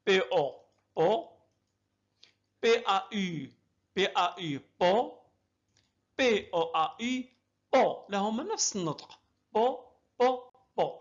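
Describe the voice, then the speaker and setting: A woman teaching French reading, sounding out words syllable by syllable and praising often. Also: mid-range voice. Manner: slow, drawn-out syllables with repeated encouragement. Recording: dull lo-fi recording.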